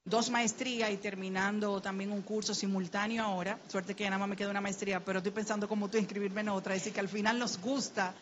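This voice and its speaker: Talking fast with hardly any pauses, a middle-aged Dominican woman delivers panel testimony in a Dominican Spanish accent, her medium pitch held to fairly even intonation. She is heartfelt and earnest, then grows urgent, exhorting the audience to act. The highs are cut off and there's a little hiss or hum.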